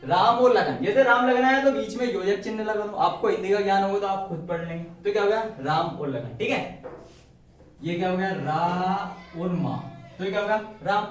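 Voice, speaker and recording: A male shorthand teacher with a high-pitched voice leads a casual classroom lesson at a moderate pace, asking and answering his own questions and cracking jokes along the way. The room is very echoey and the mic sits far away.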